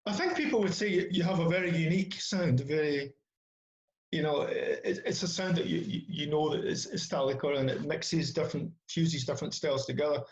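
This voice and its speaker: A man with a Scottish accent hosting an interview over a video call, friendly and halting, with many restarts. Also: a little high, a little hiss or hum. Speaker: show host. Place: small room at home, indoors. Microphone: webcam on video call. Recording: roomy, dull webcam audio.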